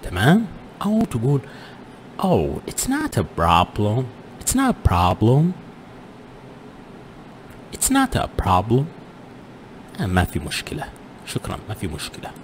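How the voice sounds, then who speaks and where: A man giving a casual English lesson, saying English example phrases slowly and more highly. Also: noisy background. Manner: switches between Arabic and slow English phrases; lively pitch, English examples spoken slowly and higher. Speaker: English teacher.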